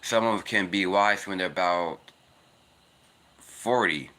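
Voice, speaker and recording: A man's voice: a little slow, bright, forceful tone. A man in his twenties talking casually and earnestly about faith, rambling and repeating himself while out on a walk. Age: 20s. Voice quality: naturally deep voice. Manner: rambling, earnest, repetitive "it's because". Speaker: vlogger. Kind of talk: casual spiritual monologue. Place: outdoors, walking in cold weather.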